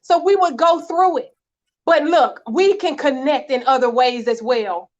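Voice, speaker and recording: A woman's voice: sits high, unhurried, lo-fi sound. A woman speaking as a marriage coach guest, earnest and encouraging, talking straight to her listeners. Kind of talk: heartfelt church talk show chat.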